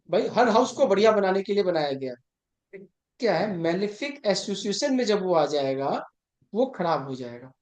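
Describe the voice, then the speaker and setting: This astrology teacher has a high-pitched, slightly mellow voice and speaks conversationally, stressing points and often asking if students follow. He mixes English terms into Hindi, and the room echoes noticeably.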